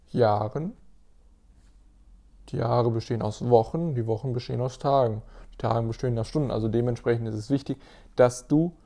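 German guy, fitness podcast host, mellow low-key tone, talks right at you, keeps restarting sentences. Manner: earnest, motivational, addresses listener directly, many restarts. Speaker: podcast host, personal trainer and physiotherapist. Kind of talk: casual solo podcast monologue.

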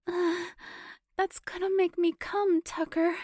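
A woman's voice: little pitch movement, slow, a little mellow, no room sound, studio quality. A woman playing an eager, breathless young woman.

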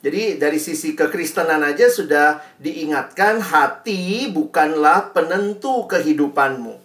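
Lively man speaking from far off. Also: on the high side, measured pace. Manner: lively, slips English phrases into his talk. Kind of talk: speaking to a group. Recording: echoey, mic far away.

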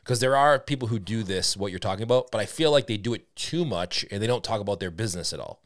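A man with a Boston accent hosting a podcast, asking quick, curious questions in casual conversation. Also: fairly low pitch, animated, no room sound, studio quality. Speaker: podcast host.

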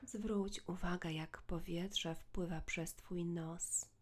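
Woman, meditation guide, very slow pace, soft breathy voice, hushed close-to-the-ear delivery, soothing, long pauses. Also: lowish voice, fairly even intonation.

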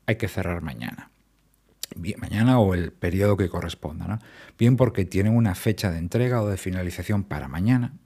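A man's voice: lowish voice, a little mellow, slightly rough. A man, hosting a solo podcast and explaining his points emphatically, repeating key words. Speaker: podcast host. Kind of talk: solo productivity podcast talk.

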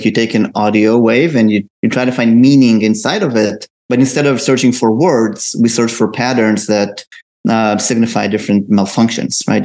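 A man's voice: fairly low pitch, a little mellow. A middle-aged man with an Israeli accent, a company founder answering interview questions, often restarting with fillers. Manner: many fillers and restarts, explanatory. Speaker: company co-founder and CEO, guest.

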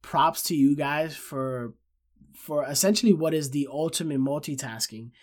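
A man's voice: on the high side, moderate pace, darkish tone. Nasal, congested man hosting a podcast. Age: 30s. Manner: emphatic repetition, addresses listeners as guys. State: stuffed-up nose from a cold, short of breath. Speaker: podcast host. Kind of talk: solo pop-culture podcast commentary, casual.

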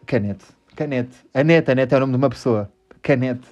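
This podcast host speaks fast at a medium pitch, his slightly mellow voice coming through on muffled audio. He has a European Portuguese accent and keeps things casual, rambling on, mocking himself, and cursing a lot.

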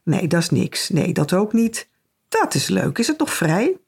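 A bossy, scheming middle-aged woman, put on by a woman reading aloud issues plans and orders in an emphatic, commanding way. The voice is gravelly with a husky edge. She is a character in an audiobook. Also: lowish voice, sing-song, unhurried, a little mellow, exaggerated voice. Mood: insistent. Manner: commanding, emphatic, sweeps others along.

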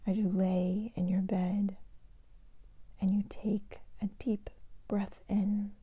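A woman guiding a sleep meditation like a sleep story narrator, in a hushed, breathy half-whisper. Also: mid-range voice, flat delivery, slow, no room sound, muffled recording. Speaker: host, card reader and meditation guide.

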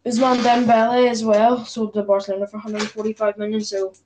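A woman's voice: mid-range voice, flat delivery, a little fast, darkish tone, slight background noise, rough recording. A woman talking casually about football as a podcast co-host.

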